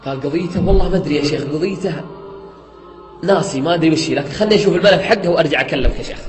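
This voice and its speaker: Fast-talking preacher in an echoey room. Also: male voice, fairly high pitch. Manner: dramatic retelling, swears oaths, repeats "he says". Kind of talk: sermon storytelling. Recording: echoey room with faint music.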